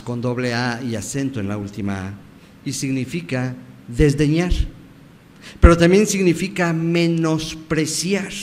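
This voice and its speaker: Slow-preaching Mexican pastor in echoing church. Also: male voice, a little high. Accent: Mexican Spanish. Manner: emphatic preaching, swinging from loud to hushed. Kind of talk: sermon. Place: church sanctuary. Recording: church hall reverb, faint background noise.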